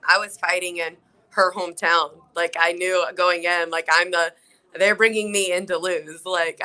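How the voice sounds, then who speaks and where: Young female fighter guest, lowish bright voice, chatty and upbeat, video-call interview. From South Carolina, US. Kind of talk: casual interview.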